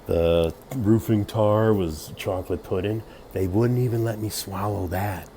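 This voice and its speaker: A man's voice: fairly low pitch, a little slow, dark tone, slight background noise. A man in his fifties rambling drunkenly and boastfully in a casual livestream chat. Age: 50s. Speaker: livestream host.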